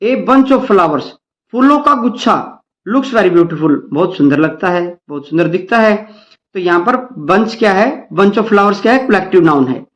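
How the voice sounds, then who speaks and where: A male teacher with an Indian accent reads each English line slowly, then explains it in Hindi to the children he calls dear kids. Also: high-pitched, animated, lo-fi sound. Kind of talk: bilingual English-Hindi lesson.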